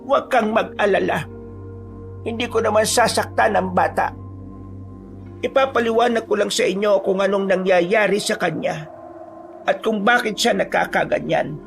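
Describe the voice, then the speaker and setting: A wise old village healer woman with a high, gravelly voice, as a man puts her on. She speaks calmly and knowingly in a spoken horror tale. Faint music plays under her. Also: moderate pace, pauses often. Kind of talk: storytelling voice acting.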